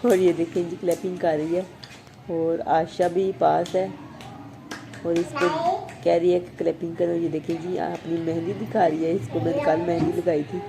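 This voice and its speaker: A Pakistani woman with a Pakistani Urdu accent vlogs her daily routine at home, chatting softly despite a sore throat that leaves her voice hoarse and on the low side. She sounds soft and chatty, sprinkling in plenty of blessings and "ji".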